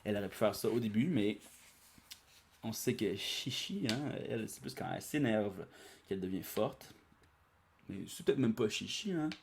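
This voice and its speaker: A man's voice: fairly low pitch, expressive, moderate pace, vocal fry, pauses often, slight background noise. A man casually reading a manga aloud, with chatty asides and many hesitations. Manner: chatty, aside-filled, hesitant filler-heavy commentary. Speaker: audiobook reader and commentator.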